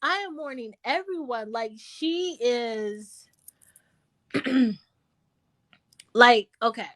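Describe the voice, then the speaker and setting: Woman, casual chat, animated storyteller, fairly high voice, dry close sound. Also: extremely slow, dry recording. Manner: animated storyteller, acts out her kids with squeals.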